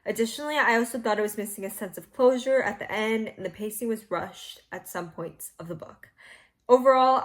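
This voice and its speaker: A young woman hosting a casual book review vlog from her bed at home, chatty and laughing at her own slips. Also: medium pitch. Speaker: book vlogger.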